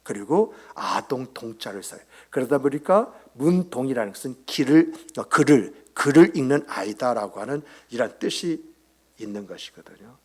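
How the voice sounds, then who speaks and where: Husky-voiced male pastor preaching. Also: mid-range voice, animated, moderate pace. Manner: conversational, quizzes the congregation, drops into whispered asides. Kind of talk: Sunday sermon. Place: church sanctuary.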